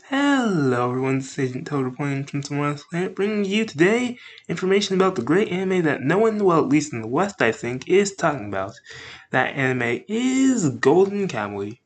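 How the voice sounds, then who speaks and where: A man's voice: fairly high pitch, a little fast. A man hosting a casual anime review video, rambling, jokey and correcting himself as he goes. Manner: animated, up-and-down delivery. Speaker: anime reviewer, channel host.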